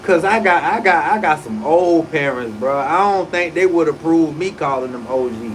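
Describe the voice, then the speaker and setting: A man's voice: a little high, lively intonation, normal speed, slight background noise, low-quality recording. A man in his forties hosting a casual livestream, talking loosely with profane slang and frequent restarts. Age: 40s. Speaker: livestream host.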